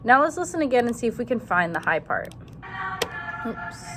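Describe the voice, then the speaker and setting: A woman's voice: fairly high pitch, big pitch swings, moderate pace, a bit bright, a little hiss or hum. Chatty woman music teacher. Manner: chatty, self-correcting, demonstrates by singing syllables. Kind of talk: casual singing lesson for students.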